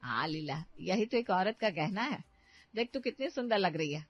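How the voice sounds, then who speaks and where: A woman's voice: on the low side, expressive, moderate pace, no room sound, soft background music. A woman voicing a traditional middle-aged mother-in-law who lectures firmly. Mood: lecturing. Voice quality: firm, lecturing. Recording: dry, slightly dull recording.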